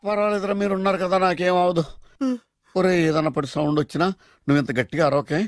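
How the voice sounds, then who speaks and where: A man's voice: high-pitched, steady tone, fast, no echo, clean studio sound, lightly acted. An actor playing a fussy, anxious father with a weak heart in a film comedy scene. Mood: fretful.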